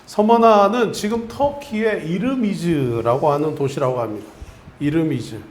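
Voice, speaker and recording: A man's voice: on the high side, unhurried. A male pastor preaching a Sunday sermon, telling a story to his congregation and leading them in repeating a phrase. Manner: storytelling preacher, leads congregation in call-and-response. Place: church sanctuary. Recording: echoey church sanctuary.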